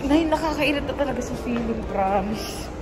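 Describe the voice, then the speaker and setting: High-pitched young woman vlogging playfully. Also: normal speed, noisy background. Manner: playful teasing. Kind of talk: casual vlog chat. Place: small tiled restroom, dental clinic and mall indoors. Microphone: phone at arm's length. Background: background music.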